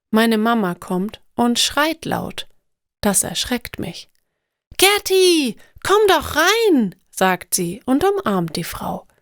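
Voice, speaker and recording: A woman narrating stories for language learners in a slow, clear, deliberate scripted reading. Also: mid-range voice, dry recording, clean studio sound.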